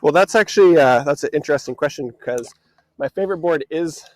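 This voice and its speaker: A man's voice: a little high, brisk, darkish tone, dry recording. A man co-hosting a casual live stream from a lake dock, explaining gear in an easygoing, friendly way. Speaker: co-host presenting paddleboards. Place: outdoors on a floating dock on a lake.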